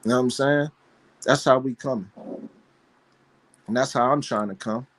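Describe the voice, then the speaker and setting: A man's voice: medium pitch, normal speed, fairly bright tone. A man hosting a live panel show as a dog breeder, talking in a fervent, preachy way, with rhetorical questions and repeated phrases. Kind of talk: casual passionate monologue.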